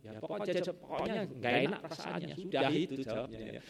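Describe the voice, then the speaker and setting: Male preacher, slightly high voice, very animated delivery, keeps asking the congregation questions. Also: brisk, creaky, crowd noise. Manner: rhetorical questions to the congregation with frequent "ya"; animated, sudden loud emphatic rises. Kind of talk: sermon.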